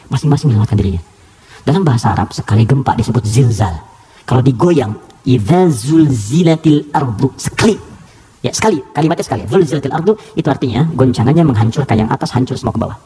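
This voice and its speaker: Rapid, animated preacher man. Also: medium pitch. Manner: animated, rhetorical questions, acts out quotes. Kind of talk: lively sermon to a live audience.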